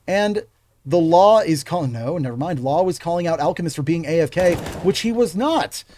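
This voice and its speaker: A man's voice: on the high side, lively intonation, normal speed, dark tone, slight background noise. A young man calling a live video game match play by play, breaking off to chat with viewers. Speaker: game commentator and streamer.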